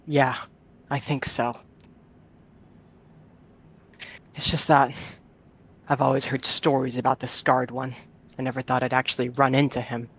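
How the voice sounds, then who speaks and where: A man's voice: medium pitch, little pitch movement, moderate pace, fairly bright tone, slightly rough, lo-fi sound. A man voicing a weary lonely vampire woman. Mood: shaken. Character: young lonely wary female vampire drifter. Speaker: streamer voicing a character. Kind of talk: reading a visual novel aloud.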